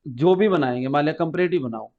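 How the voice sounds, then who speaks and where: A man's voice: on the high side, fast talker, a little hiss or hum. A man teaching an English grammar lesson to a class, explaining step by step and quizzing his students. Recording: muffled lo-fi recording.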